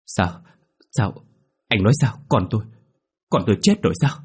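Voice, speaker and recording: A man voicing a bewildered middle-aged mother who scolds and panics, in a low, husky voice. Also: fast. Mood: frightened.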